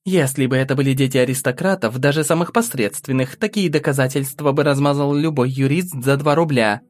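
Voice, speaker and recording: A male narrator voicing a gentle, soothing countess and mother with a soft, calming voice. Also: mid-range voice, brisk, no echo, studio quality, voice pushed up, natural voice.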